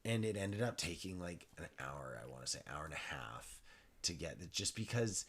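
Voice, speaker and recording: A man's voice: very deep voice, animated, moderate pace, fairly bright tone, husky. A man co-hosting a podcast, chatting casually and teasing playfully. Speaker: podcast co-host. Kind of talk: casual chat.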